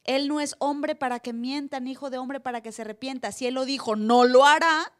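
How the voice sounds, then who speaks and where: A woman pastor preaching a sermon live in church, acting out voices with sudden loud cries. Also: sits high, fairly even intonation, fairly quick.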